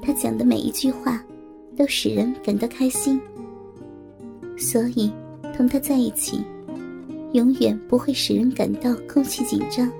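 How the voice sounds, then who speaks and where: A woman telling a first-person story in calm, steady narration. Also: on the high side, a little slow, gravelly, long pauses, over music.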